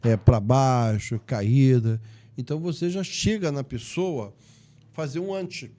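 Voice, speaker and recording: A man's voice: mid-range voice, unhurried, mellow. A Brazilian man hosting a casual podcast, chatting and agreeing often with his guest. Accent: Brazilian Portuguese. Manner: chatty, agreeable, with frequent filler affirmations. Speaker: podcast host.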